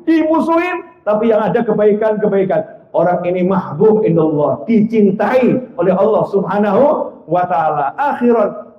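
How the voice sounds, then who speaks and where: A man preaching to a congregation in a high, animated voice, jumping from loud exclamations to soft low asides. He acts out the voices of the people in his stories. The recording is echoey and dull. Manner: acts out quoted voices in dialogue. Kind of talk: sermon. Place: mosque or hall before a congregation. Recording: echoey room, dull lo-fi sound.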